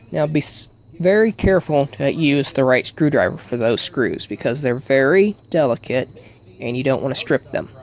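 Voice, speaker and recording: A man giving a casual hands-on tutorial, thinking aloud in a halting way as he works, with wry humour. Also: medium pitch. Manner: thinks aloud while working, halting, wryly joking. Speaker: hobbyist demonstrating an electronics hack.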